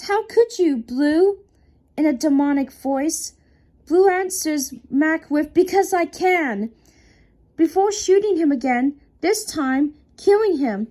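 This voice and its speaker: A woman tells a creepy fan horror story, halting and restarting often. She speaks slowly in a high, mellow voice. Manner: slow, halting, frequent restarts. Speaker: creepypasta narrator. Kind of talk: unscripted horror story reading.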